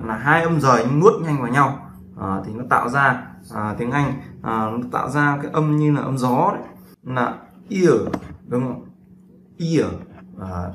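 A man teaching a pronunciation lesson in a loose, casual way, stopping often on long fillers and going back over his own words. His voice sits at an ordinary middle pitch and carries a clear echo off the room. A light hiss runs underneath. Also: a bit bright. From Vietnam. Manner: hesitant, many drawn-out fillers and repetitions. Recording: echoey room with faint noise.

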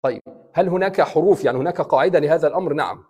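A male imam with an Egyptian accent, teaching a class at a steady, patient pace and quizzing his listeners as he goes. His voice sits fairly high for a man and has a husky edge. It rings with the long echo of a big hall. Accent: Egyptian Arabic. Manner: explains slowly, repeating examples and asking the class questions. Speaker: imam teaching Quran recitation. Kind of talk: bilingual classroom lecture. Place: mosque hall.

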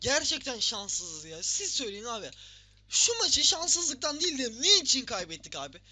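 Male gaming host, very high and sharp voice, loud play-by-play of his own football game, shouts and swears at it. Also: very animated, moderate pace. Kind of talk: football gameplay commentary.

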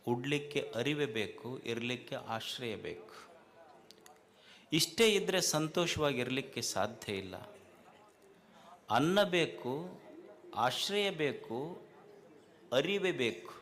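A man with a North Karnataka Kannada accent giving a spiritual talk to a festival crowd, repeating lines and asking rhetorical questions with rising emphasis. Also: medium pitch. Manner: hushes the crowd firmly and jokingly. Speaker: speaker addressing a festival gathering.

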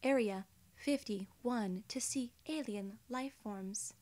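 A woman in her twenties speaks softly and close to the mic in an ASMR role-play, playing a young, polite, friendly female alien gatekeeper. Her voice is a little high and her phrasing measured and formal, recorded in a small indoor room.

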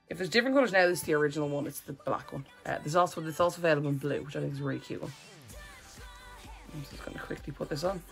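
A woman chatting casually through a makeup tutorial as a vlogger, rambling and correcting herself as she goes. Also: low-pitched.

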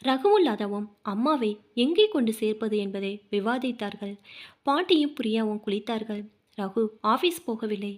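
A woman narrating a family drama story in a dramatic, expressive reading. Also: a little high, moderate pace.

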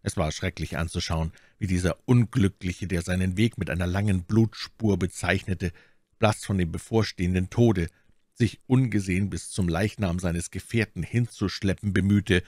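Low-voiced man reading an audiobook. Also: fairly even intonation, a little mellow, no room sound, clean studio sound. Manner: measured storytelling. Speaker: audiobook reader. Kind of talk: scripted audiobook narration.

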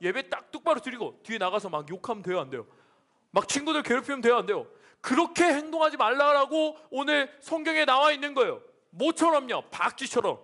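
A male pastor preaches to children, telling the story with animated energy and putting questions to the kids. His voice is very high and bright, with wide, lively swings in pitch. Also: brisk. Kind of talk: children's sermon.

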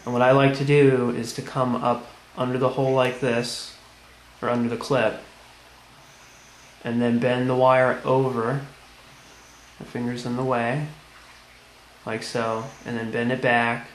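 Unhurried and pausing often, a man with a medium voice and little pitch movement casually demonstrates a hands-on process, explaining it plainly step by step. Background noise and room echo surround him at an indoor tiled tabletop.

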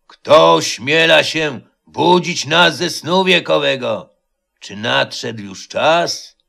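A man voicing an ancient knight warrior who speaks slowly and solemnly, as in a spoken legend. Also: mid-range voice, animated, vocal fry, pushed and bright, full character voice. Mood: commanding.

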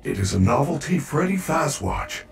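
An actor playing a gentle, caring male animatronic bear robot who speaks in polite, formal, soothing robotic sentences. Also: mid-range voice, huge pitch swings, moderate pace, creaky, exaggerated voice. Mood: gentle, helpful. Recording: game audio, slightly distant, faint music.

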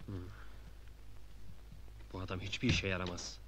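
A man's voice: deep voice, little pitch movement, moderate pace, a bit bright. A man playing a sour, middle-aged newspaper boss in a film, grumbling sardonically. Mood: sour, irritated. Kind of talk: film dialogue. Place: wood-panelled office. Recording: noisy old film soundtrack.

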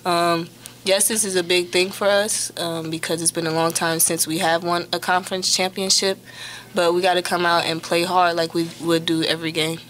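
Brief: young woman basketball player at the presser table, bright and fairly low voice, even delivery, faint room hiss. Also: moderate pace. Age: young adult. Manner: plain and steady, starting answers with "um". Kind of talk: postgame press conference answers. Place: press room in front of a sponsor backdrop. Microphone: table mic on a stand.

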